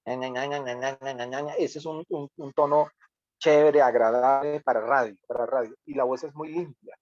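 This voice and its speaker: A man's voice: medium pitch, steady tone, measured pace, darkish tone, no room sound. A man coaches a radio class, talking loosely and acting out example lines. His voice sits close and dry. The video call sound is dull and muffled. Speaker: radio workshop teacher. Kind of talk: online class feedback.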